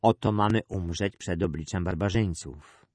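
A man's voice: low-pitched, normal speed, a little mellow, no echo. A man voicing a proud, captive middle-aged prince and father who speaks with dignified restraint. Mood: calm grave. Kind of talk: audiobook character reading.

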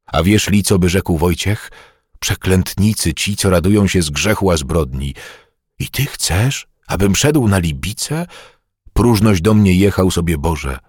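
A man doing a fiery, husky medieval monk. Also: low-pitched, expressive, measured pace, darkish tone, no room sound, clean studio sound, full character voice. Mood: fervent. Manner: preaching, condemning, impassioned. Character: fervent, hot-tempered male medieval monk.

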